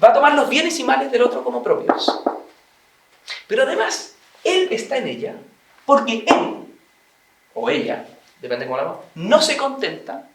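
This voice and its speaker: A high-voiced man lectures an audience and slips into little acted-out dialogues. He sounds set back from the mic, and his voice rings around an echoey room. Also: recorded from a distance, slight background noise. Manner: acts out little dialogues, animated and chatty. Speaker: speaker giving a talk on marriage.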